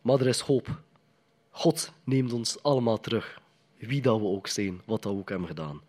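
Husky-voiced preacher. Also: male voice, fairly low pitch, lively intonation, normal speed, a little mellow. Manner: conversational, emphatic, asks the congregation questions. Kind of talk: sermon.

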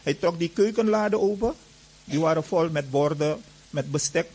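A man's voice: on the high side, normal speed, a little mellow, a little hiss or hum, rough recording. A man giving an earnest personal testimony to an audience, retelling events with lots of reported dialogue.

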